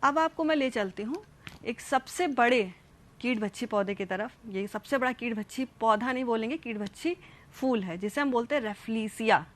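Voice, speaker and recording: A woman's voice: on the high side, moderate pace. A woman teaching a school science lesson, speaking straight to children and repeating each step as she demonstrates.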